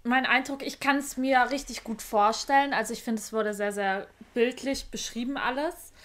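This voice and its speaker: A woman with a fairly high voice chats casually. She is thoughtful and hesitant, often pausing and searching for words. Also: fairly bright tone. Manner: thoughtful and hesitant, many fillers. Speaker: listener. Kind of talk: casual chat.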